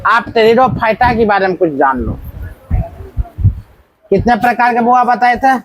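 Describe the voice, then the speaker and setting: A man's voice: very high voice, very animated, measured pace, fairly bright tone, no echo, rough recording. A man teaching a biology lesson to a small class, quizzing the students with repeated questions as he goes.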